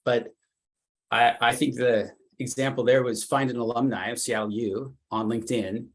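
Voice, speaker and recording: A man's voice: mid-range voice, fairly even intonation, normal speed. A middle-aged man giving a casual career workshop, chatty and loose, with lots of "like" fillers and repeated words. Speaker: workshop presenter, consultant.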